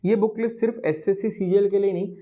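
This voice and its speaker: A man's voice: high-pitched, fairly even intonation, quick pace, warm tone. A young man giving exam preparation advice as a tutor, earnest and repeating his promises.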